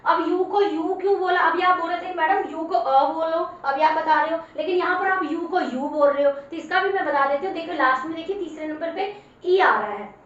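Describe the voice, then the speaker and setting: Woman teacher, high voice, spells words letter by letter and repeats them; recorded far from the mic with a dull tone. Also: brisk. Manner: patient, repeats each word for the learner. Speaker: English teacher. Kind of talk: spoken spelling lesson. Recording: very echoey room, far from mic, dull sound.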